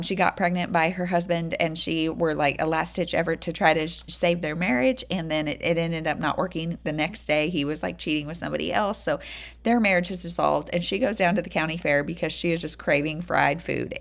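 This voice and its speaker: A woman's voice: on the low side, gravelly. A woman in her thirties chatting enthusiastically about books she loves, with lots of fillers. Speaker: book vlogger. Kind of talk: casual book review chat.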